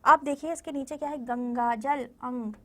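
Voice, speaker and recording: Teaching small children in a recorded lesson, a high-voiced primary school Hindi teacher patiently sounds out words slowly and says them again. She keeps asking the class questions, then supplies the answers herself. A slight hiss or hum can be heard.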